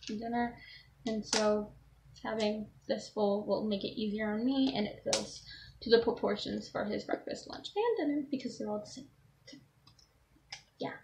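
A woman's voice: fairly high pitch, creaky, a little hiss or hum. Chatty young woman with a raised voice. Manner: rambling, self-correcting, with frequent ums. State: has the hiccups. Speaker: vlogger with a service dog. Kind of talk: casual show-and-tell vlog.

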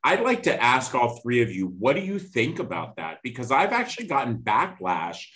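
A man's voice: mid-range voice, huge pitch swings, normal speed, fairly bright tone, low-quality recording. A middle-aged man hosting a podcast over a video call, emphatic and passionate, often repeating his key phrases. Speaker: podcast host. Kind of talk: casual interview.

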